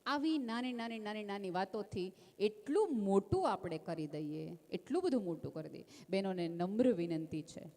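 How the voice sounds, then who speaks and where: A woman gives an inspirational talk from a festival stage, her voice calm and gentle and speaking to the crowd like a friend. A medium pitched voice comes through the stage microphone, and a long reverb trails after every phrase in the large venue. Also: normal speed. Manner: intimate, addresses listeners as friend. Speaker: speaker at a community religious festival.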